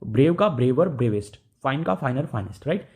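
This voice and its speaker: A man's voice: medium pitch, animated, fast talker, a little mellow. A man with an Indian accent teaching an English grammar lesson in Hindi, explaining rules step by step and often checking in with "right?".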